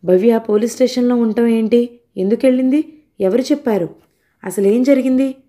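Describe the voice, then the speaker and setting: A brisk, impatient middle-aged mother from an audio storybook, snapping her questions out sharply, as a woman reads her part. The voice stays mellow underneath the edge. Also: fairly high pitch, pitched above the performer's own voice, lightly acted. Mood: alarmed.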